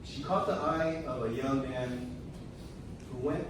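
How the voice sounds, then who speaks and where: Guy reading a memorial speech, tender and measured, big echo, far from the mic, noisy. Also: mid-range voice. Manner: measured, tender, with deliberate pauses. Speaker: son giving a eulogy. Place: large room at a memorial service. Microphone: picked up from a distance. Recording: very echoey, distant, noisy hall.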